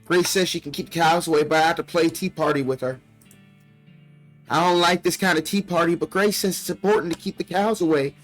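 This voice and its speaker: Man voicing a frightened little country girl, high-pitched. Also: steady tone, fairly quick, faint music behind, close to an everyday voice. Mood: plaintive, uneasy. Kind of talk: reading video game text aloud.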